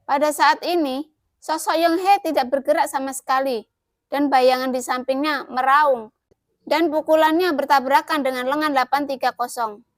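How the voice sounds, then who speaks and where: High-voiced woman reading a novel. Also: moderate pace, no echo, studio quality. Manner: steady reading of a story. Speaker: narrator. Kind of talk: audio novel narration.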